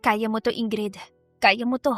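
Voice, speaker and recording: A woman's voice: a little high, steady tone, normal speed, fairly bright tone, no room sound, faint music behind, natural voice. A woman voicing a polite, nervous young nurse in her twenties in a storybook reading. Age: 20s. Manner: polite, stammering.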